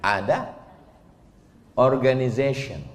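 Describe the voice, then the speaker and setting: Unhurried preacher in a hall. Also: male voice, mid-range voice, slight background noise. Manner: lively, teasing call-and-response with the audience. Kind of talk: sermon. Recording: echoey hall, long reverb.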